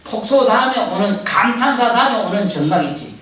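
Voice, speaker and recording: A man with a giving a Buddhist sermon, animated and full of rhetorical questions put straight to his listeners. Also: high-pitched, brisk. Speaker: Buddhist dharma teacher. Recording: very echoey, distant mic, faint hiss.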